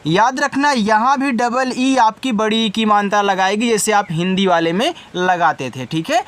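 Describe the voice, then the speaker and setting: A man's voice: high voice, moderate pace, fairly bright tone, no echo. Patient man spelling words for students. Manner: patient, spells words letter by letter then explains; addresses students directly, corrects own slips. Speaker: English teacher. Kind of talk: online spelling lesson.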